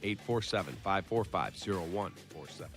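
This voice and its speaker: Low-voiced man giving a testimonial. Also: expressive, brisk. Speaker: radio host giving endorsement. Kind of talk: personal testimonial ad read. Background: music.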